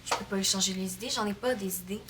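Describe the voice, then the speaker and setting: A woman's voice: medium pitch, fast, noisy background, lightly acted. A young woman with a Quebec French accent playing a practical teenage girl with a dry, matter-of-fact way of speaking.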